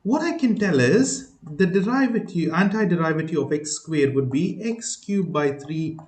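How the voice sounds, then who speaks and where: A man with a fairly high voice teaches a math lesson, walking through each step. He keeps checking in with his listener as he goes. The sound is roomy, with a clear echo around him. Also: animated, normal speed, a little mellow. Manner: talks through steps, asks the listener checking questions.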